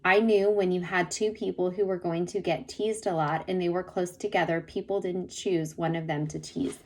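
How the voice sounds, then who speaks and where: A woman reading a novel chapter aloud in steady storytelling narration. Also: lowish voice, normal speed, low-quality recording. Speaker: reader.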